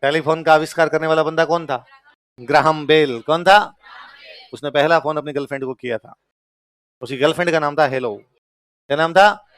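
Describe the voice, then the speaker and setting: Man, Rajasthani accent, young adult, lively lecturer, asks questions, fairly high voice, smooth. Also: brisk, long pauses, no room sound. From Churu, Rajasthan. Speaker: teacher. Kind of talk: classroom lecture.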